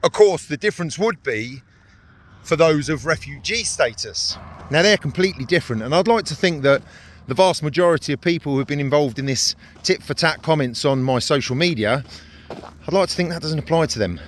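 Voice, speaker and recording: A British vlogger and veteran from the UK talks to camera on a morning walk outdoors, chatty, blunt and wry. His voice is fairly high and expressive, and he speaks fairly quickly.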